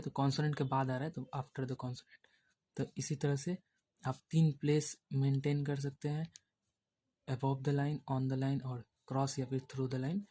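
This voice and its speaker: A man's voice: medium pitch, dark tone. A man teaching a shorthand class in with mixed in, repeating points and checking in with his students often. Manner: repetitive explaining, checks in with "theek hai". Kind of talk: classroom lesson explaining at a board.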